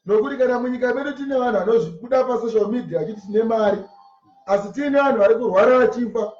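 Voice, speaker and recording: Picked up by a far-off mic in a muffled, echoing room, this Shona-accented Zimbabwean preacher unpacks scripture verse by verse. He repeats his lines forcefully for effect, speaking very fast in a very high voice with a darkish tone.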